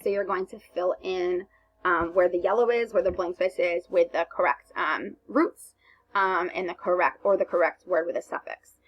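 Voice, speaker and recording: A woman teacher talking students through a recorded remote lesson step by step, starting most sentences with "so" and filling pauses with "um". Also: on the low side, fairly even intonation, husky, muffled recording. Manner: explains step by step, many "um"s and "so"s.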